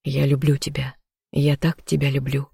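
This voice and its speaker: An audiobook reader voicing a passionate, possessive male elf lover, speaking low, soft and unhurried. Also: steady tone, vocal fry, breathy edge, no room sound, clean studio sound. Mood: tender. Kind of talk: audiobook character voice.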